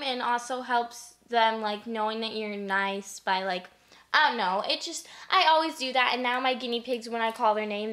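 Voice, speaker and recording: Young woman vlogger, a bit high-pitched, loose and chatty how-to delivery. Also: a bit bright. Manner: chatty, lots of fillers. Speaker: pet vlogger. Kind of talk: casual how-to vlog.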